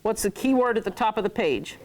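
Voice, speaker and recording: Woman, teacher, classroom lesson, playful, quick to laugh, drills words by repeating them, middle pitch. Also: a little mellow. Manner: playful, laughs often, jokes with students. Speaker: Hebrew teacher.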